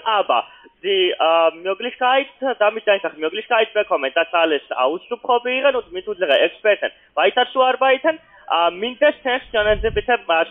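Speaking German with a foreign accent, a call centre agent stumbles politely through a phone sales pitch, frequently adding tag questions. The line sounds muffled and narrow.

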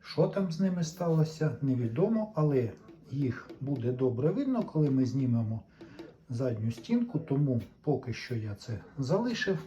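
A man with a medium-pitched, dark voice swings widely in pitch and talks at a moderate pace over lo-fi audio. Hosting a tape recorder restoration video, he chats casually with viewers and thinks aloud while working hands-on.

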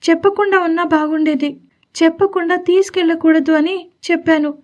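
A touchy young wife from a romance audio story, quick to sulk and scold. A woman voices her in a high, pouting tone. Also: steady tone, muffled recording. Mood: sulky.

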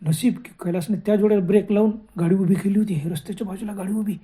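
A man's voice: high-pitched, fairly even intonation, fast, dark tone. A man telling a horror story in a dramatic way, full of gasping exclamations.

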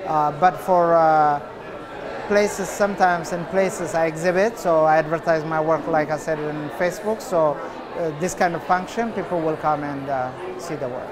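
An Ethiopian artist in his forties answers interview questions indoors at a cafe, relaxed and unhurried, with many filler pauses. His voice is a little high, and crowd noise can be heard.

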